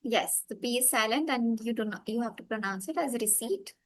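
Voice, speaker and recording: Indian woman, higher voice, calmly explains how words should sound. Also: a little fast. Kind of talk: casual chat explaining pronunciation.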